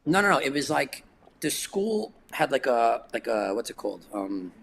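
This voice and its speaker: A man's voice: mid-range voice, very animated, normal speed, creaky, a bit bright. Brief: thirties New man, loose rambling guest talk, mid-range voice, faint background hum. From New York. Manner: rambling, many "like" fillers. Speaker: podcast guest, skateboarder. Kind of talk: casual chat.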